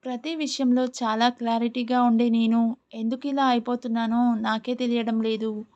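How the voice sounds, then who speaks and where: A woman's voice: fairly high pitch, level tone, normal speed, a little mellow, lightly acted. A woman voicing a lovestruck young male college student in a storybook reading, earnest and brooding. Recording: muffled lo-fi recording.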